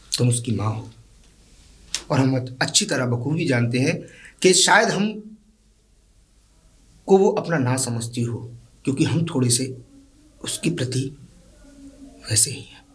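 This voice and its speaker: An actor playing a proud, contemptuous landowner father who delivers slow, weighty warnings. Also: mid-range voice, fairly bright tone, slight background noise, close to an everyday voice. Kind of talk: low-budget film drama acting.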